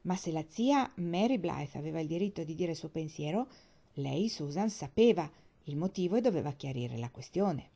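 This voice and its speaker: A woman narrating an audiobook in an expressive storytelling manner. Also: low voice, moderate pace, creaky. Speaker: audiobook reader. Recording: dull lo-fi recording.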